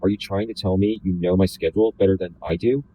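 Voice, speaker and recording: A man voicing a tense, earnest young male pop star in a flat, even read of a novel. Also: low voice, quick pace, a little hiss or hum, close to an everyday voice, rough recording. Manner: flat, even reading with little change.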